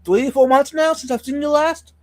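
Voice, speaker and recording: A man chatting casually as a live stream co-host, halting and repeating words, his speech slightly impeded by a sore on his tongue. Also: very high voice, steady tone, a little mellow, dry recording.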